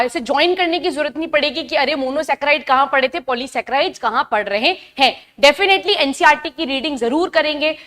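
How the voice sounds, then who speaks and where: A young woman giving a live online biology lesson, chatty and asking her students questions, reading textbook lines slowly before explaining them. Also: sits high, a bit bright. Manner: reads English textbook lines slowly, then explains in Hindi. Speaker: biology teacher. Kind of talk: live online class lecture.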